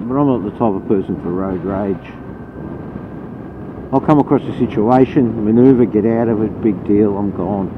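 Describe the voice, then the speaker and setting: An Australian motorcycle vlogger delivers a casual, rambling, blunt running commentary while riding, his fairly low voice moving at a moderate pace. The audio is muffled and narrow-band from inside his helmet. Loud engine, wind and road noise fill the background.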